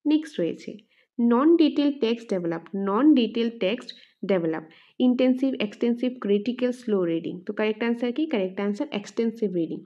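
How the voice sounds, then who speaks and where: Higher-voiced woman teacher, dull recording. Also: lively intonation, warm tone. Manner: reads English questions slowly, explains in Bengali. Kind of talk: exam practice lesson.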